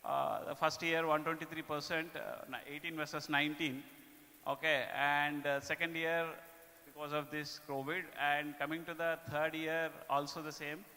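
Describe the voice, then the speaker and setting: A man with an Indian accent giving a corporate performance presentation to staff, speaking haltingly and often tagging his phrases with "okay". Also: fairly high pitch, little pitch movement, bright, forceful tone. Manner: halting delivery with repeated "okay" tags. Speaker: business presenter. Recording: echoey hall with long reverb.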